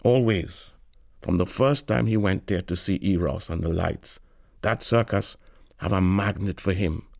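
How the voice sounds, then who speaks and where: A man reading a novel aloud in a lilting, expressive storytelling manner. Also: sits low, unhurried, creaky, no room sound, clean studio sound. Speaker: reader.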